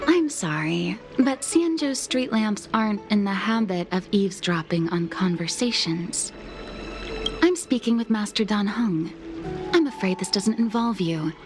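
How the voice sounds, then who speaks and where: Somewhat slow and expressive, a woman's medium-pitched voice portrays an earnest, devoted young maid who speaks with formal courtesy. The clip is video game dialogue with music playing underneath.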